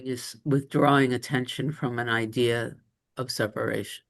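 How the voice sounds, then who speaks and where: A woman's voice: extremely low pitch, fairly even intonation, normal speed. A woman taking part in a spiritual discussion group over a video call, earnest and thoughtful, searching for her words. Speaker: group participant.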